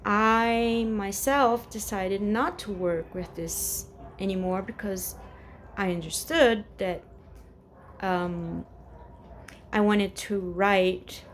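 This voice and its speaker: Very slow, rambling Brazilian woman in her forties. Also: mid-range voice, a little hiss or hum. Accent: Brazilian Portuguese. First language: Portuguese. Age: 40s. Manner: rambling and hesitant, many restarts. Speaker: vlogger. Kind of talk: casual personal venting. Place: at home.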